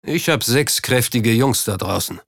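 A man doing a rumbling, menacing crook. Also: animated, fairly bright tone, no room sound, studio quality. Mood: smug. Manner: slow, coarse and threatening. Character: gruff male London crook, menacing and blunt.

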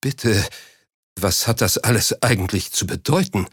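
A man's voice: lowish voice, a little slow, breathy edge, no room sound, studio quality. A man reading an audiobook, voicing a flustered official who speaks in an anxious, indignant way. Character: flustered, panicky government official caught in scandal.

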